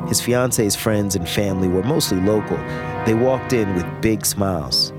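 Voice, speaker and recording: A man narrating a personal story in the first person, reflective and expressive with dramatic pauses. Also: on the low side. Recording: music bed under the voice.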